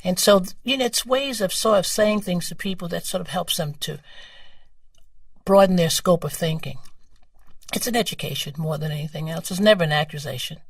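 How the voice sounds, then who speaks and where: An older woman from New York with a New York accent, telling her story as a guest in a casual interview, animated and laughing. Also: on the low side, a little fast, dry recording, distant mic. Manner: animated, laughing, acts out quoted voices.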